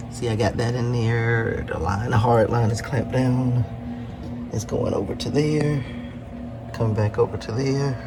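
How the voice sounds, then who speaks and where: A man giving casual, plain-spoken narration of his own car repair, explaining it step by step as he works. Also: medium pitch. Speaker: DIY car repair vlogger. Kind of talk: casual hands-on narration to camera. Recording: noisy workshop with vehicle-like background noise.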